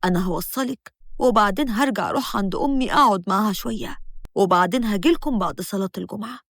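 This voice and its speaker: A woman voicing a calm, matter-of-fact husband with an Egyptian accent. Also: medium pitch, fast, dry recording, studio quality, voice pushed down, natural voice. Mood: plain. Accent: Egyptian Arabic.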